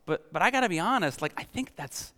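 A man's voice: high voice, expressive, quick pace, pushed and bright. A man preaching a sermon as pastor, in a casual, conversational way, often repeating words as he starts a phrase. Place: church sanctuary. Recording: long hall reverb.

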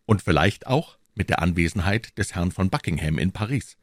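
A man's voice: deep voice, lively intonation, moderate pace, no room sound, clean studio sound. D'Artagnan, a man doing a fiery young Gascon. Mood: earnest. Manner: earnest, impassioned. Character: ardent, bold young Gascon swordsman.

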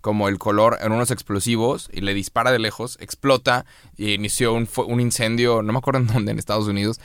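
A man's voice: lowish voice, steady tone, a little fast, fairly bright tone, clear, resonant tone, no echo, studio quality. A young man with a Monterrey accent, co-hosting a casual podcast chat, blunt and clipped, swearing freely. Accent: Monterrey Spanish. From Monterrey, Mexico. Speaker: podcast co-host.

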